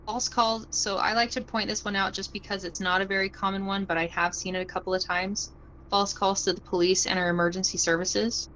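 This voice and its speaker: A woman's voice: medium pitch, flat delivery, a little fast, a bit bright, dull audio, slight background noise. A young woman casually explaining roleplay police charges on a livestream, chatting to viewers and laughing easily.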